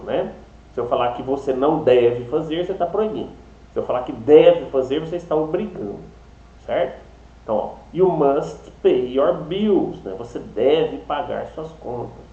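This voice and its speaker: A man's voice: fairly high pitch, dark tone. A man with a Brazilian accent teaching an English class, explaining step by step and checking in with "né?" and "tá?" after almost every phrase. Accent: Brazilian Portuguese. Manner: chatty, explains step by step, adds "né?" and "tá?" often. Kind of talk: online class lecture. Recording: slightly dull, echoey room.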